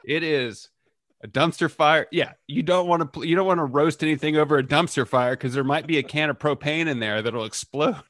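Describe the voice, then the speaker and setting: A man hosting a casual sports chat, relaxed and joking, telling his own football stories. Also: on the high side, fairly quick, no echo. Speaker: host.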